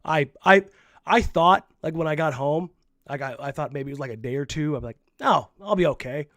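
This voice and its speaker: A man's voice: a little high, fairly quick, a bit bright, no room sound, clean studio sound. Recovering sick man hosting a podcast. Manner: frank and rambling, with many restarts. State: still a little sick. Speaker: co-host. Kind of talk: casual sports podcast chat. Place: at home while isolating. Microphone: own microphone, muted between coughs.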